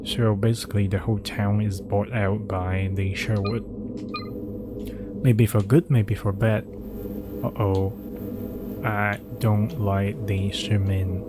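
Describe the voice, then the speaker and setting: A man whose first language is Cantonese streams a horror game with game music behind him, casually commentating, reading in-game documents aloud before skipping ahead with asides, and answering chat. His voice is fairly low and flat, with a slow pace, long pauses and a very noisy recording.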